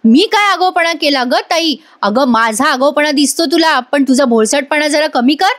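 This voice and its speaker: A woman's voice: high voice, moderate pace, a bit bright. A woman voicing a defiant younger sister who argues back sharply, in a serial recap. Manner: defiant, argumentative.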